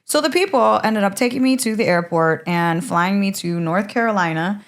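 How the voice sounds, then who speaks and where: A woman from Michigan, USA, appears as a podcast guest and tells her life story candidly. She has a mid-range voice at normal speed and is frank and chatty, saying "like" a lot.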